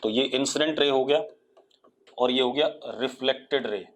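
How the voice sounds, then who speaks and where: A man with an Indian accent teaches a live online physics lesson. He coaxes his students with repeated questions and waits for their answers. He dictates definitions slowly, word by word, in English. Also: mid-range voice, a bit bright.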